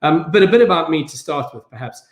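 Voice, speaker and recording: Middle-aged South African man, headteacher, relaxed presentation, roomy video-call sound. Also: on the high side, fast talker. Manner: friendly, informal, with fillers and restarts. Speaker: school head. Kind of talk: virtual event talk.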